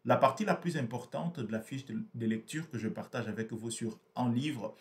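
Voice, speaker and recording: A Portuguese-speaking man reviews a book in a mid-range voice at a moderate pace. His explanation is hesitant, with repeated words and plenty of fillers.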